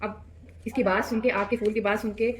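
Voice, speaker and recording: A woman's voice: medium pitch, level tone, a little fast, slight background noise. A woman teacher reading a story aloud to children, explaining as she goes and asking the listeners questions. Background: background music.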